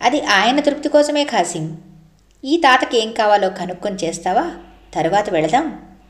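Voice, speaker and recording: A small girl who talks like a wise elder, gentle and unhurried, as a woman reads her in an audiobook. The voice sits at a middling pitch. The room rings with a noticeable echo. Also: lively intonation, close to an everyday voice. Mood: firm. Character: young girl with a wise, calm way of speaking.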